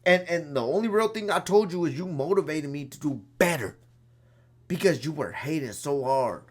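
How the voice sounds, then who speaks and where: A man ranting profanely to his livestream chat, swinging from shouted outbursts to low muttering and repeating himself. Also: animated, normal speed. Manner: repetitive, talks straight to viewers.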